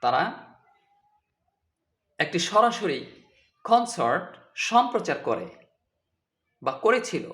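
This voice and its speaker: Man as English tutor, high lively voice, very slow and deliberate, echoey room. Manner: spells words letter by letter and translates each line. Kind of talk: slow deliberate vocabulary lesson.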